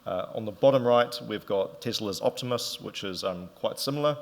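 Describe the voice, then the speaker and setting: A man's voice: on the low side, normal speed. Chatty New man in a hall. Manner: chatty, many fillers and restarts. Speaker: conference presenter. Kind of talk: casual conference talk. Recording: reverberant hall.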